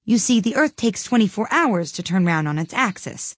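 A timid, well-mannered young girl from a storybook speaks up carefully and eagerly, as a woman does her voice. Her tone is breathy and lively in pitch, and it sounds dry and close. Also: moderate pace, no echo, lightly acted. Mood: polite.

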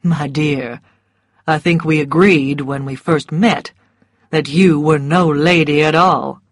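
Rhett, a cynical gentleman, as a woman reader plays him, draws out his sardonic remarks slowly and lazily in a slightly lowered voice. The recording is close and dry. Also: fairly even intonation, no room sound. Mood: teasing. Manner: drawling, bored, sardonic.

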